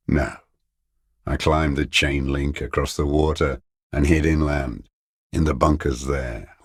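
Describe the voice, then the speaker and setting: A very deep, gravelly old deserter. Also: male voice, a bit bright, no echo, studio quality, heavily acted. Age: older. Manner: slow, halting, grave, rhetorical. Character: bitter, broken old communist deserter, male, mournful and defiant. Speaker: video game character. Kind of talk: dramatic monologue, game voice acting.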